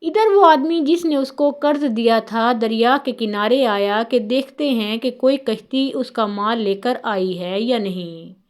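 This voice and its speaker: A woman narrating religious stories in a calm, measured, scripted way. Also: a little high. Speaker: storyteller.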